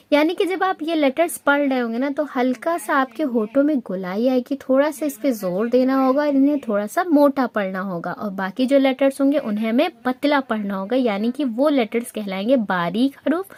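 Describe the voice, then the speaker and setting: A woman teaching Quran recitation rules patiently, step by step, slowing down to recite the example words. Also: fairly high pitch, darkish tone. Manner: patient, explains step by step, mixes in English words. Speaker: tajweed teacher. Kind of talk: spoken Urdu lesson with slow recited examples.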